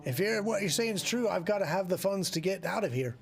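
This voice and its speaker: A man voicing a gruff, folksy male potion merchant who haggles bluntly. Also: high voice, lively intonation, quick pace, soft background music, pitched above the performer's own voice. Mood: haggling.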